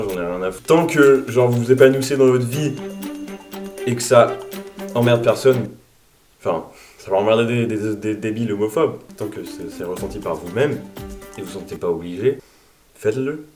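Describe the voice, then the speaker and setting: A young man in his twenties answering viewer questions in a casual vlog, crude and self-mocking, breaking into mock-angry shouts. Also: on the low side. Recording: roomy sound from a distant mic with music. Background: background music.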